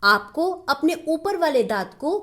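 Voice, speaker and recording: A woman's voice: sits high, lively intonation, measured pace, bright, forceful tone. A woman teaching phonics to children, sounding out each letter patiently and explaining how to shape the mouth. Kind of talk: slow children's phonics lesson.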